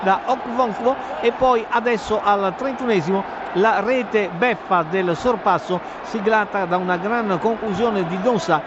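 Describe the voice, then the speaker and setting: High-pitched breathless man calling goals. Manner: breathless, excited, urgent delivery. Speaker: football radio commentator. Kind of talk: live goal commentary. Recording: dull lo-fi broadcast, loud stadium crowd. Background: stadium crowd noise.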